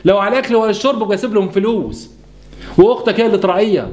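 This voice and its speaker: A man voicing a resentful young wife with an Egyptian accent, sharp and dismissive. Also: high-pitched, rapid-fire, natural voice. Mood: cold, scornful. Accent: Egyptian Arabic. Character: resentful young wife refusing her mother-in-law.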